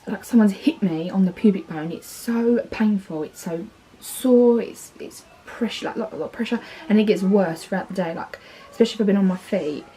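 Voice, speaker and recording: A woman's voice: mid-range voice, brisk, mellow, slightly rough, low-quality recording. Tired pregnant Essex woman, chatty. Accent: Essex English. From England. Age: 30s. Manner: chatty, rambling with many fillers and restarts. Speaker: vlogger. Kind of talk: casual pregnancy update.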